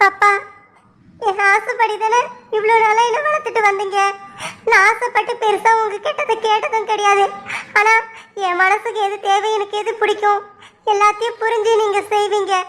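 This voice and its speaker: A woman's voice: very high-pitched, fairly even intonation, moderate pace, a bit bright, faint music behind. A woman voicing an earnest young village daughter in a cartoon, who pleads in long, heartfelt appeals. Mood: pleading. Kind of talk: cartoon voice acting.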